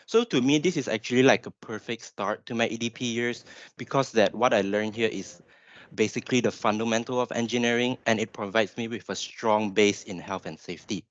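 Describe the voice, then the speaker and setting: Speaking fairly quickly in a fairly low voice, a twenty-something Malaysian-accented graduate engineer presents a webinar in a casual, explanatory manner. The recording is dry and the audio dull.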